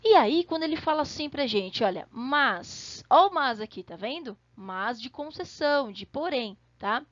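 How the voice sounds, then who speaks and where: Teacher lady, high voice, lots of "tá?" check-ins, dry dull mic sound. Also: animated, normal speed, hardly any pauses, no room sound. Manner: explanatory, checks in with frequent tag questions. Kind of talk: online language lesson.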